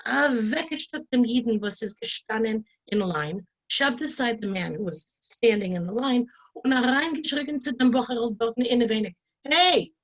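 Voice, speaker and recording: Woman reading a story out loud, each bit then translated, voice a bit high. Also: normal speed. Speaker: storyteller and Yiddish teacher.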